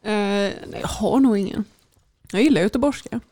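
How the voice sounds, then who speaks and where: Chatty female guest from Gothenburg, relaxed, a mid-pitched voice. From Gothenburg, Sweden. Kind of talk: casual chat.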